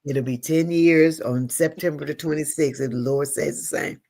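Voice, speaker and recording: A woman's voice: low voice, moderate pace, vocal fry. A middle-aged woman, a pastor's wife and interview guest, telling a personal story earnestly and with feeling. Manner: earnest, animated, leans on endearments like "honey" and "girl".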